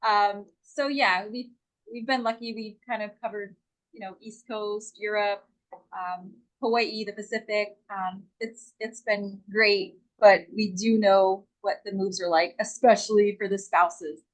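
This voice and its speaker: A woman's voice: mid-range voice, fairly even intonation, unhurried, poor audio. A middle-aged woman chatting as a guest, rambling a little and correcting herself as she goes. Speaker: guest, real estate agent. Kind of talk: casual chat.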